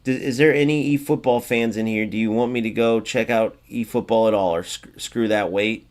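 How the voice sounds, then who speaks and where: A man with a fairly low, darkish voice keeps a steady tone and moderate pace while hosting a gaming channel. Casually addressing viewers as guys, he talks through his thinking and mutters the arithmetic as he adds up points.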